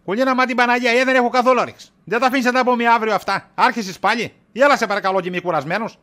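A man's voice: extremely high pitch, steady tone, pushed and bright. A man playing a tired middle-aged shopkeeper in a comedy sketch, exasperated and dodging his wife's questions with wisecracks. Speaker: husband.

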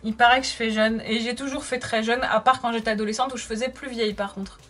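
Woman, 30s, chatty makeup vlogger, slightly high voice, faint music behind. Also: fairly even intonation, fast talker, fairly bright tone. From France. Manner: chatty and bubbly, reads viewer comments aloud. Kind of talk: casual chat answering live comments.

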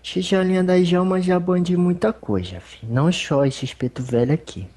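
A medium voicing an old male spirit elder with a Brazilian accent, speaking in a husky, folksy, rambling way during a religious consultation. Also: medium pitch, moderate pace, a little mellow, natural voice. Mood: fatherly. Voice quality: husky, rambling, folksy speech with fond asides.

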